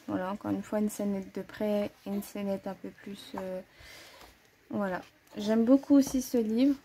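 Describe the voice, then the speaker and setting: A woman's voice: mid-range voice, fairly even intonation, moderate pace, warm tone, slightly rough. A woman casually showing her coloring books to the camera, chatty, thinking aloud and correcting herself as she goes. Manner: frequent hesitations and "voilà" fillers. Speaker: coloring-book hobbyist presenting her collection. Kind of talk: casual show-and-tell chat to camera.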